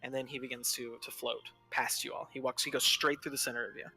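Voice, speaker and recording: A man's voice: mid-range voice, little pitch movement, quick pace, vocal fry, sharp tone, husky, faint music behind, poor audio. A man narrating a tabletop game as game master in a casual way, with many fillers and asides.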